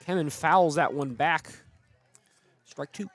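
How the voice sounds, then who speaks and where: A man calling the play-by-play of a game in steady, brisk sports commentary. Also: a little high, slight background noise. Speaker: play-by-play announcer.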